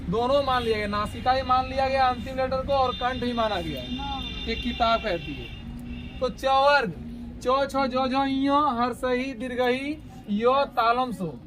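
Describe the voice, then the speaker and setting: A man from India teaches a grammar lesson in a very high voice. He keeps asking the class questions and answers them himself. He sounds out the letters slowly and draws each one out. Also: background noise.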